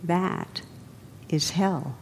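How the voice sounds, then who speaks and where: A woman's voice: moderate pace, a little mellow, close to an everyday voice. Give me a woman playing a provocative old monk. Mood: gentle. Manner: taunting, smirking. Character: old male monk, calm and teasingly provocative. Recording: reverberant hall with faint rumble.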